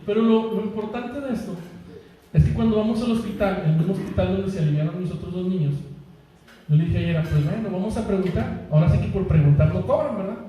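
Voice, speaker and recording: A man's voice: sits high, fast, mellow. A man with a Mexican accent preaching a sermon, telling a personal story in a jokey, chatty way and laughing at his own jokes. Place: church hall. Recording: echoey church hall, mic from far off.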